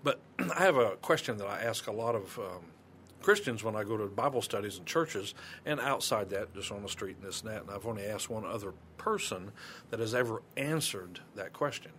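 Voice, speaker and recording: A man co-hosts a podcast in casual chat, stumbling through his story with many "uh"s and restarts. His voice is bright and forceful, though a little low in pitch. A faint rumble sits under the recording. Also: expressive. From Kansas City area. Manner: halting, many uh and um fillers. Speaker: podcast co-host.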